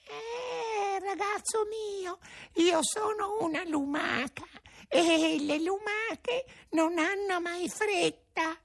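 A man voicing a placid, unhurried female snail in a storybook reading, with a very high, drawn-out voice. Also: vocal fry, a bit bright, no echo, studio quality, heavily acted. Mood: placid, drawling. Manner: phlegmatic, patient, unhurried drawl.

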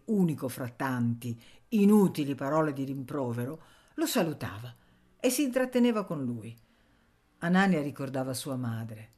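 A woman reading a novel aloud in measured scripted narration. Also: low-pitched, a little mellow.

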